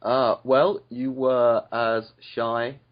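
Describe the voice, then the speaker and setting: A man's voice: mid-range voice, little pitch movement, very slow, dull audio. A man hosting an online talk show, dry and teasing with his guests. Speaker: host.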